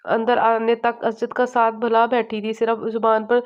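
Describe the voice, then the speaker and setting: A woman narrating a romance novel as an audiobook, reading in a steady, even way. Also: a little high, measured pace, clear, resonant tone. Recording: slightly muffled lo-fi audio.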